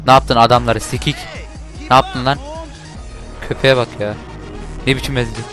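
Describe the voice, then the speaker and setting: A man giving casual gameplay commentary, talking loudly and swearing and shouting at the game. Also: medium pitch, level tone, moderate pace. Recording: game music playing behind.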